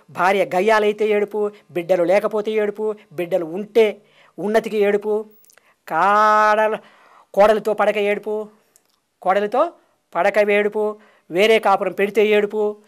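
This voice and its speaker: A woman speaking as a spiritual teacher in a devotional discourse, her voice sitting at an ordinary middle pitch. She lays out her teaching in rhythmic lists of short, repeated phrases. She breaks in with long, drawn-out exclamations. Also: steady tone. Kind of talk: devotional discourse answering questions.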